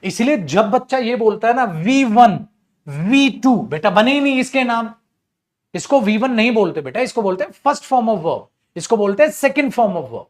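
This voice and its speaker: A man teaching English grammar in an online class. He speaks in a fairly high voice, lively and playful, teasing his students as he explains. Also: unhurried. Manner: lively, jokey, addresses students as beta, acts out student voices.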